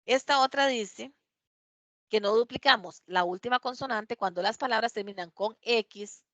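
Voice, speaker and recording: Woman, English teacher, dry sound, slow careful examples. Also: a little high, a bit bright, dry recording. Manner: reads English examples aloud slowly, checks with "¿verdad?". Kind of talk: classroom grammar explanation. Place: classroom.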